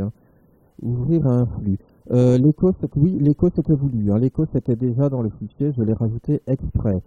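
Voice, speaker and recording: A man's voice: mid-range voice, no room sound, narrow, tinny audio. A man hosting a live web radio show, rambling and hesitant with lots of filler sounds, self-mocking as he reads listener chat aloud. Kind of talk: improvised live radio chatter.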